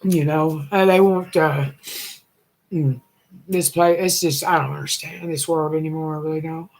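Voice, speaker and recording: A woman's voice: deep voice, fairly even intonation, normal speed, darkish tone. A woman, a single mother venting in a blunt, emotional rant full of swearing and bitter laughs. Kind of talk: angry personal rant.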